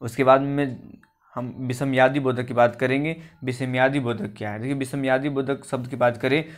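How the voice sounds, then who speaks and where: Guy teaching a grammar class for exam prep, asks himself questions then answers, mid-pitched voice. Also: steady tone, normal speed. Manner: explanatory, repeats points and asks himself questions. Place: coaching class recording.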